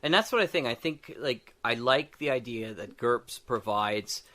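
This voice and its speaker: A podcast guest with a mid-range, sharp-toned voice gets animated discussing tabletop game design at normal speed. He rambles casually while thinking out loud, regularly making sure he's being followed.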